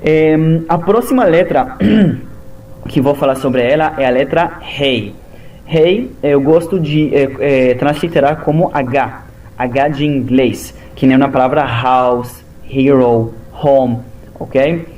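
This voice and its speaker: Halting man teaching pronunciation. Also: medium pitch, a little mellow, slight background noise. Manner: slow, halting, methodical explaining. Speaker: Hebrew teacher. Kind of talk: language lesson.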